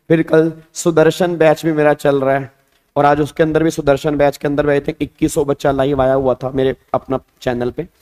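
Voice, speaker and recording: A man with a hoarse voice teaching an online class, chatting casually and speaking calmly. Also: fairly high pitch.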